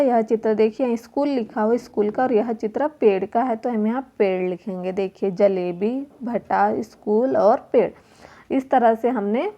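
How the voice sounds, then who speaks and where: A woman teacher explains a workbook lesson to young children, her voice sitting fairly high. She talks very slowly and deliberately, repeating each word and sound so the children can follow. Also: darkish tone, muffled recording. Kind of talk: classroom lesson walkthrough.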